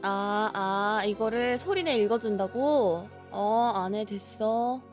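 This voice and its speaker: A woman live streamer chatting casually before a game, with a cutesy, playful, expressive anime-streamer manner. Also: mid-range voice, takes it slowly, faint music behind. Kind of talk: casual livestream chat before playing a game.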